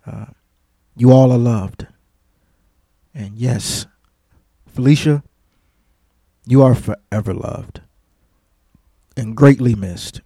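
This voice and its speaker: Slow, husky-voiced man hosting a radio tribute. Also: mid-range voice, no room sound. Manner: halting, with many fillers and repeats; warm, devout and effusive. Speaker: radio show host. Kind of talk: heartfelt on-air tribute.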